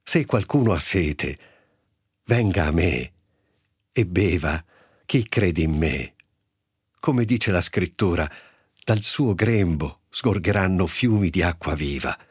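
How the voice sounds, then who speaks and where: Jesus, read by a low husky man. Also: lively intonation, dry recording, studio quality, heavily acted. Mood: proclaiming. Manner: measured, solemn reading. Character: Jesus, grown man, calm authoritative teacher.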